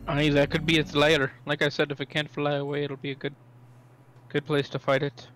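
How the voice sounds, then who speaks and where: A man with a somewhat higher voice plays a tabletop role-playing game. He talks casually in and out of character, halting and hesitant, over faint music. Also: monotone, fairly bright tone.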